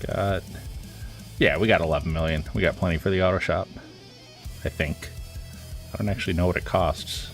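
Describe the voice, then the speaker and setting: Deep-voiced man, stuffy with a cold. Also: moderate pace, vocal fry, long pauses, soft background music. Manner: casual, rambling, relaxed. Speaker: streamer. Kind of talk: live gameplay commentary.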